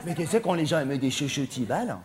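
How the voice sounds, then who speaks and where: A man's voice: fairly high pitch, expressive, fast talker, crowd noise, close to an everyday voice. A man performing a stand-up monologue as a vain, chatty, flamboyant male cabaret performer who snaps at hecklers. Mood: gossipy. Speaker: comedian.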